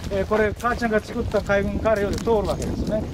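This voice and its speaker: A man, giving a folksy guided-tour explanation with drawn-out fillers and anecdotes. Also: high voice, steady tone. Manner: folksy, drawn-out fillers and frequent tag words. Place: open outdoor grounds. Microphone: camera a few steps away. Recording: outdoor camcorder audio with clear ambient noise.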